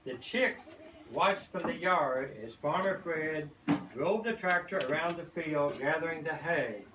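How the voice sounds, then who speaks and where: Older grandpa voice reading, echoey and distant. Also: male voice, a little high, a little slow. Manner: folksy, explains pictures to children. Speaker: grandfather reading to a first grade class, farmer. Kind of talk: reading a children's storybook aloud with asides. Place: echoey indoor classroom. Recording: roomy, distant microphone, noisy background.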